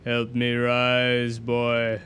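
A man's voice: completely flat delivery, a bit bright, a little hiss or hum. Fields: Figure: a man playing an ancient evil voice from the abyss. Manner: cold. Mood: menacing. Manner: low, slow, menacing murmur. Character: ancient evil male voice from a pit, cold and amused.

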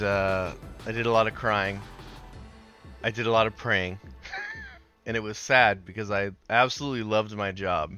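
A middle-aged man telling his story in an interview, earnest and animated, with pauses and fillers. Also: lowish voice, clear, resonant tone, dry recording. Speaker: interview guest, founder.

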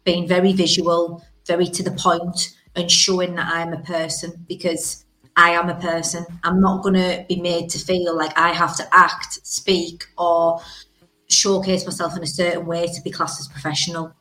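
Low-pitched Teesside woman, blunt and emphatic. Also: little pitch movement, normal speed, pushed and bright, poor audio. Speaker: interview guest, business owner. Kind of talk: casual interview chat.

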